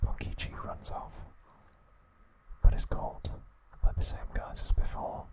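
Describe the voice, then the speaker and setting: Narrating a recap, this male ASMR channel host keeps to short, deliberate phrases. Everything comes out as a soft, breathy whisper with no voicing.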